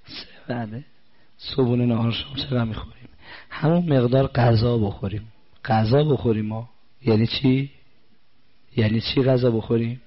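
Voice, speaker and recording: Husky-voiced man preaching, lo-fi recording. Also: mid-range voice, fairly even intonation. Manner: questions the audience directly and recites scripture slowly. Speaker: religious preacher. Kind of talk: sermon. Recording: dull lo-fi recording.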